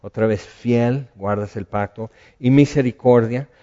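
A man's voice: medium pitch, measured pace, mellow, dull audio. A man preaching a sermon in a conversational way, asking the listeners questions.

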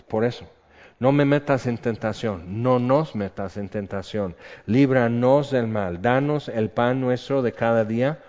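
A man's voice: medium pitch, mellow. A male pastor gives a sermon in a conversational tone and keeps asking his congregation questions. His voice sits in a mid range and carries a long reverb from the hall. The recording sounds a little muffled. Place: church hall.

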